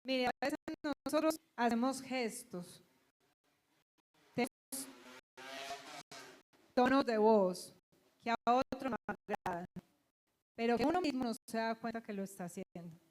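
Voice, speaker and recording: A woman's voice: a little high, measured pace, long pauses, a little hiss or hum. A middle-aged woman pastor with a Colombian accent, preaching a sermon and telling personal stories, acting out the voices of the people in them. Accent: Colombian Spanish. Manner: animated storytelling, acting out quoted voices.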